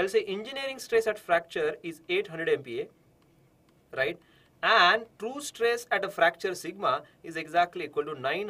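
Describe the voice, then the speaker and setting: An Indian-accented man teaches an exam-prep class live online. His voice sits a little high and has a bright, forceful edge. He works through problems aloud in an encouraging way, repeating key phrases and putting questions to his students. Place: indoor studio in front of digital board.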